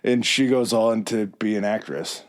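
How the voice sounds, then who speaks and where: A man hosting a podcast, telling a story in a relaxed, chatty way with fillers and asides. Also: on the low side, moderate pace. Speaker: podcast host. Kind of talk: casual chat.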